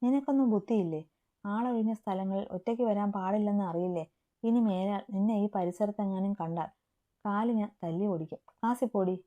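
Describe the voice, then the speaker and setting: A woman's voice: medium pitch, fairly quick, warm tone, natural voice. A woman voicing a hot-tempered young college man who barks harsh orders, in a storybook reading. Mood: shouting.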